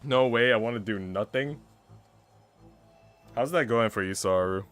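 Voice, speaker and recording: Here the streamer's voice is medium in pitch, slightly bright, and a little slow. He reads a visual novel aloud and chats casually in slang, drifting from topic to topic, with faint game music underneath.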